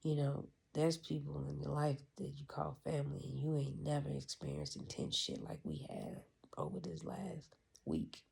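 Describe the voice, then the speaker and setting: A vlogger giving a candid, profane personal recap in a hushed, often half-whispered voice, reflective and frank. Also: mid-range voice, animated, normal speed, creaky, breathy edge.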